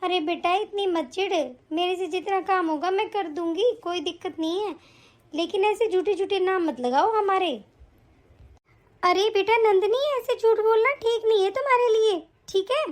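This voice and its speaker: A woman voicing a sly older auntie in an animated story, sweet-talking and self-pitying. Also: very high-pitched, normal speed. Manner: sweet-talking, defensive, fake self-pity. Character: scheming older mother-in-law type woman, sly.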